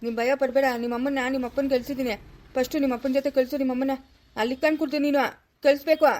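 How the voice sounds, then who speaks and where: A woman's voice: sits high, little pitch movement, rapid-fire, darkish tone, natural voice. A woman playing a stern old village grandfather who scolds his son and soothes his granddaughter in a family drama skit. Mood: soothing.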